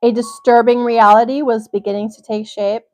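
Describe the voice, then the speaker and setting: On the high side but flat in delivery, a young woman reads a crime article at normal speed during her livestream. She reads steadily, stopping now and then for blunt reactions full of swearing, with soft music in the background.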